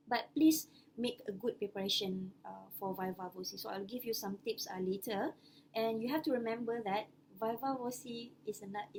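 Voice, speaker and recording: A woman's voice: fairly high pitch, darkish tone, a little hiss or hum, low-quality recording. A woman with a Malaysian English accent speaking to postgraduate students in an online webinar, hesitant, with many fillers and restarts. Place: home or office, online webinar. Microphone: computer microphone on a video call.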